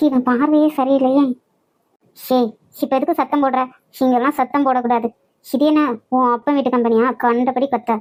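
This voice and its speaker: A woman with a Nagercoil Tamil accent voicing a feisty young woman in a cartoon, loud and quick-tongued. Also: sits high, fairly even intonation, natural voice, poor audio. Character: feisty young woman job-seeker, brash and fearless. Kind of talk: cartoon voice acting.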